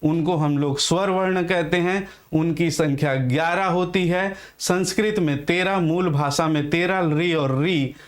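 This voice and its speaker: Male teacher, young adult, high pitch, patient lecture delivery that drills each letter aloud. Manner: repeats questions and answers them himself, addresses viewers as friends; sounds out letters slowly for practice. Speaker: Hindi grammar teacher. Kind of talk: classroom lecture.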